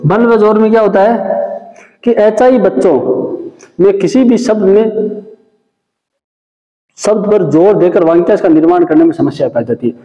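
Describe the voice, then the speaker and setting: A man's voice: high voice, normal speed, long pauses, warm tone. A man teaching a class, explaining step by step and often repeating points and checking in with "okay". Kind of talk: classroom lecture. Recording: echoey hall, dull lo-fi sound.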